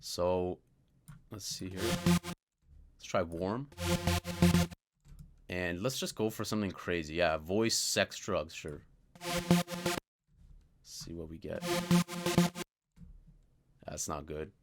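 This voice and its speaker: A man's voice: deep voice, animated, takes it slowly, pauses often, over loud music. A man casually walking through a synthesizer plugin, thinking aloud with plenty of fillers and trailing remarks. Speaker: music producer reviewing a synth plugin. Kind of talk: casual screen-recorded software walkthrough. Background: synth sounds playing.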